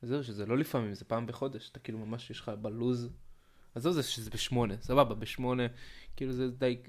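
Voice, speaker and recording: A man with a middle-pitched voice co-hosts a casual podcast chat. He chimes in with quick, playful wisecracks and teasing questions. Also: fairly even intonation, darkish tone. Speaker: podcast co-host.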